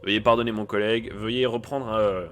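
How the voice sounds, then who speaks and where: A man's voice: on the low side, steady tone, fairly quick, faint music behind, natural voice. A man playing a male police officer who takes a statement in a formal, clipped way in a tabletop game.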